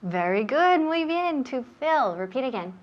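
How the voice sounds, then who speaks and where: A woman's voice: high-pitched, very animated, measured pace. A woman teacher from running a bilingual English lesson, patiently repeating words for pronunciation drills. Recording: dull lo-fi sound.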